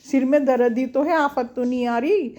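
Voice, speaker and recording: A woman voicing a caring older mother who scolds her daughter fondly, in a brisk, reassuring, lecturing manner. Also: high voice, mellow, natural voice. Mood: dismissive. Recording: dull lo-fi recording.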